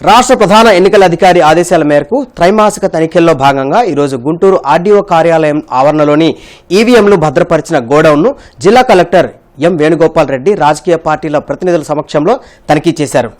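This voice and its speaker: Male newsreader, fast formal delivery, high voice. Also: darkish tone. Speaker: news reader. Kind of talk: scripted news reading.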